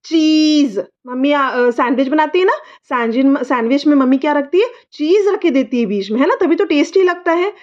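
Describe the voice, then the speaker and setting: A mother patiently sounds out English spelling for her child in Hindi, drawing letters out slowly and repeating each word. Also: high voice, animated, darkish tone, muffled recording. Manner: slow, drawn-out sounding of letters and words; patient, repetitive coaxing questions. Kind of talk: phonics lesson for a child.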